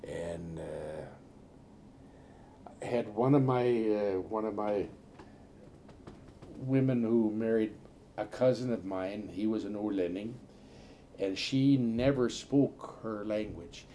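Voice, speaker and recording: With a fairly low, dark voice, an older man tells an oral history interviewer about his upbringing in a Norwegian-speaking upper Midwest farm family. His memories come out haltingly and ramble, full of fillers, over a little hiss or hum.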